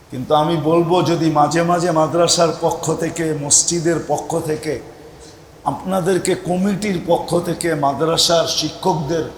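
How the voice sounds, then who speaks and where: A man with a Bangladeshi Bengali accent preaching a colloquial storytelling sermon, emphatic and animated, building to loud peaks. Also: a little high, a little hiss or hum. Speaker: Islamic preacher. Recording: echoey hall with faint ambience.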